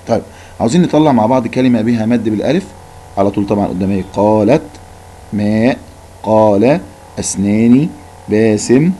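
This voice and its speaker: A man's voice: lowish voice, dark tone, a little hiss or hum, low-quality recording. A male Arabic teacher with an Egyptian Arabic accent giving a recorded lesson, patiently repeating words to drill them.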